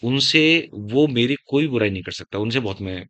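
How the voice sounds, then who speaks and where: A man's voice: medium pitch, lively intonation, normal speed, fairly bright tone, no room sound, muffled recording. A man teaching biology to students in a classroom, giving life advice with a heavy, stern-sounding voice. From Uttar Pradesh, India. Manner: speaks of his own heavy, stern-sounding voice; addresses students as beta, digresses into life advice. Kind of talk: classroom lecture.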